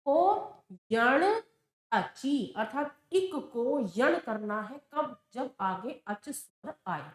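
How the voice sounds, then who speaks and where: A woman's voice: high voice, echoey room. A woman teaching a Sanskrit grammar lesson for exam preparation. She speaks patiently and asks the class questions that she then answers herself. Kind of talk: exam-prep lesson at a board.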